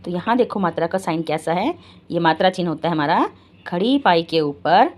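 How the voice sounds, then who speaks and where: A woman's voice: lowish voice, expressive, moderate pace, darkish tone. A woman teaching a children's Hindi lesson, patient, asking the children questions and repeating each step.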